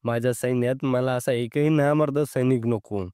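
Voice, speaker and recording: Storybook general, arrogant and angry, barking orders, read by a male narrator in a smooth, dry voice. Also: mid-range voice, steady tone, normal speed, dark tone, dry recording, close to an everyday voice. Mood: scornful. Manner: commanding, scornful.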